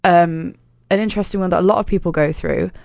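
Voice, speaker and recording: A woman's voice: on the low side, fast, creaky, a little mellow, no echo. A young woman co-hosting a casual podcast, chatting loosely with lots of "like" and the odd swear. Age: young adult. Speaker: podcast co-host. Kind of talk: casual chat.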